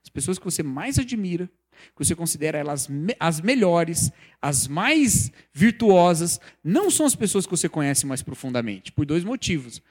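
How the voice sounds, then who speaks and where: A man preaching a sermon, lively and conversational, acting out the quoted voices of people he talks about. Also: on the high side, normal speed. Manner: animated, acts out quoted voices, mocking examples. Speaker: pastor or preacher.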